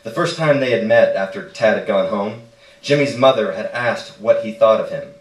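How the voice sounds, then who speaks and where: At a live stage reading in a roomy indoor space, a man with a lowish voice narrates a short story aloud at a moderate pace. The room is echoey and the microphone distant.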